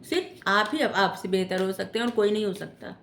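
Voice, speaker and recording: A woman tarot reader giving gentle spiritual advice, often checking in with "theek hai?" as she talks. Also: medium pitch, animated, fairly quick, creaky, roomy sound, slight background noise. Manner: gentle coaching tone, ends phrases with "theek hai?". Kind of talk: casual spiritual advice talk.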